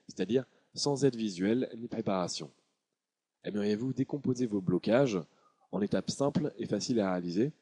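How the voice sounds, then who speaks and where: A man reading a scripted promotional voice-over about his own book, in a steady, measured delivery. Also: lowish voice, slightly rough. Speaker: author presenting his book.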